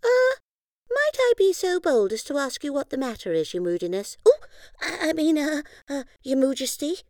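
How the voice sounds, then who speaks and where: A woman's voice: sits high, very animated, normal speed, a little mellow, no room sound, clean studio sound, pitched above the performer's own voice. A woman voicing a nervous stammering little girl. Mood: flustered. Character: nervous, flustered young girl.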